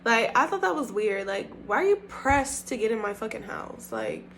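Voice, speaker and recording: A young woman telling a casual storytime about dating, animated and profane, often laughing. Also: a little high, moderate pace, slight background noise. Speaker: storytime vlogger.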